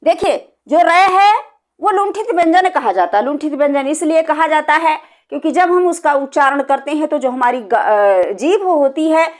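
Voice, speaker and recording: A woman with a high voice teaches an exam-prep Hindi grammar lesson. She goes through each answer option step by step. She keeps circling back to the key terms and checking in with the class. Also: lively intonation, moderate pace. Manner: explains step by step, repeats key terms with frequent "ठीक है".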